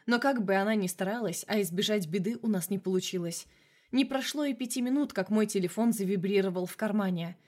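A woman reading a novel aloud in scripted narration, telling it as a male first-person hero in a steady storytelling voice. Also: mid-range voice, fairly quick. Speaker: audiobook narrator.

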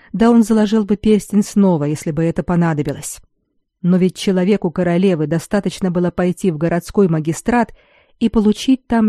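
A narrator reading a fantasy novel as an audiobook in a measured, even way. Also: medium pitch, no echo, clean studio sound.

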